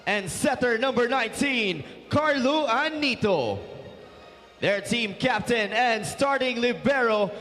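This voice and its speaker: Male arena PA announcer, very high and lively, slow delivery, long hall reverb, faint music. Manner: slow, drawn-out announcing of names. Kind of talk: player introductions over the arena PA. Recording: long reverb of a big coliseum.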